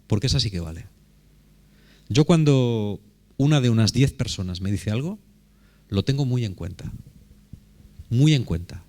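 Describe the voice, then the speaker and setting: A man's voice: mid-range voice, expressive, unhurried, pauses often, warm tone. A man preaching a sermon in a conversational, emphatic way, often asking rhetorical questions.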